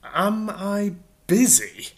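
A man's voice: medium pitch, animated, slow pace. A man reading a storybook voices a flustered, indignant Englishman lying in the mud, speaking in sarcastic, exasperated bursts.

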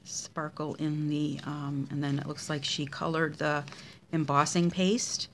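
A woman's voice: low-pitched, level tone, a little slow, vocal fry, slight background noise. A woman casually showing handmade cards in a craft vlog, chatty and gushing over each one. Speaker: craft demonstrator showing card swaps.

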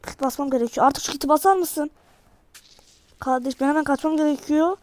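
A woman commentating her mobile shooter match, excitable and slangy, yelling at teammates. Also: high-pitched, brisk. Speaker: mobile game streamer. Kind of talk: live gameplay commentary.

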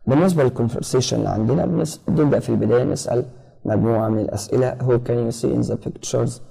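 A man's voice: medium pitch, fast, creaky, mellow, husky, rough recording. A middle-aged Egyptian English teacher giving a recorded lesson. He drills words by repeating them and keeps asking rhetorical questions.

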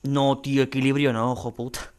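A man's voice: medium pitch, flat delivery, fairly quick, darkish tone, slight background noise. Chatty Spanish gamer narrating his matches. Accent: Spain Spanish. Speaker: gaming channel host. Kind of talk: casual gameplay commentary.

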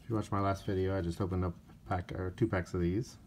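Tired guy slowly opening card packs, lowish voice, kinda flat listing names, light hiss. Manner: unhurried, reads off player names in a flat list. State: a little tired. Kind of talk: casual pack-opening commentary. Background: crinkling wrappers and card clicks.

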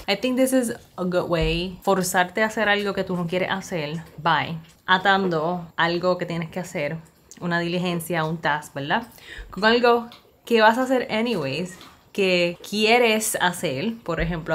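A woman in her thirties vlogging casually, chatty and excitable, mixing Spanish and English. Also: on the low side, a little hiss or hum, poor audio. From Puerto Rico. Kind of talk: casual vlog chat. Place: indoors, restaurant under renovation and home office. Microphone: handheld camera. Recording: music under voice.

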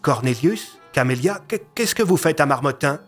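Un homme jouant un jeune homme désorienté. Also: male voice, fairly high pitch, expressive, normal speed, faint music behind, lightly acted. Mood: bewildered. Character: young man, confused door owner.

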